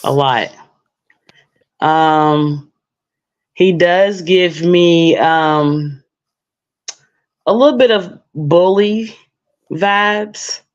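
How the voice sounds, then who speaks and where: A woman joining a live chat as a guest, talking slowly and hesitantly, often trailing into "um." Her voice comes through a dull, lo-fi call connection. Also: lowish voice. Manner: hesitant, many fillers and restarts. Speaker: guest caller.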